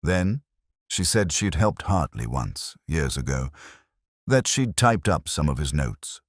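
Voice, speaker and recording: A man acting a middle-aged police inspector with an extremely deep voice, recorded close and dry. He narrates a detective drama in measured, melancholy, literary sentences, brooding and erudite, with lively rises and falls in pitch. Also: no room sound, heavily acted. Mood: brooding, reflective. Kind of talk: scripted first-person detective narration.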